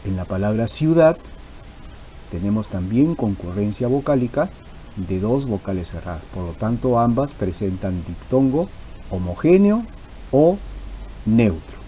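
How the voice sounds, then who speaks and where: Male teacher, warm low voice, patient and repetitive, faint hiss behind. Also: animated, a little slow, low-quality recording. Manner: patient, repeats key terms for emphasis. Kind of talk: explanatory grammar lesson.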